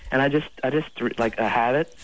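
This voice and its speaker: A man's voice: mid-range voice, a little fast, no room sound, low-quality recording. A teenage boy calling a radio show, hesitant and mumbling. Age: teens. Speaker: caller. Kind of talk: phone call to a radio show.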